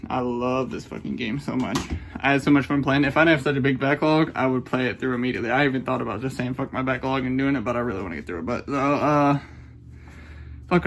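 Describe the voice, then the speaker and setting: A man in his twenties rambles through a casual game review, cursing often and apologizing whenever he loses his train of thought. His voice is mid-range, with a little hiss or hum in the recording.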